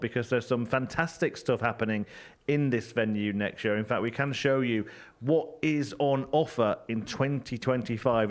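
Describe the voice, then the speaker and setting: A man presenting a darts show, announcing the coming year's events in a smooth, steady way. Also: mid-range voice. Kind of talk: scripted presenting.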